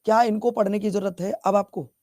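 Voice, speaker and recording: A man's voice: sits high, steady tone, fairly quick, a little mellow, no room sound, clean studio sound. A male teacher from Bihar giving a chatty classroom lecture, repeating his questions and teasing students as he scolds them. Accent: Bihar Hindi.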